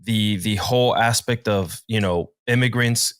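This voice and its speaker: A man from Puerto Rico, a native Spanish speaker, co-hosting a podcast with measured, thoughtful talk. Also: fairly low pitch, fairly bright tone, clean tone, no room sound, studio quality. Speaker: podcast producer and co-host. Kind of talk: casual podcast chat.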